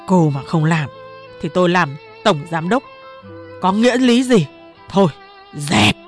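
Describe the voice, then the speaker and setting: A woman voices a big, burly male company boss who despairs and weeps, sobbing through self-pitying pleas. Her lowish voice is expressive and a little slow, with soft background music.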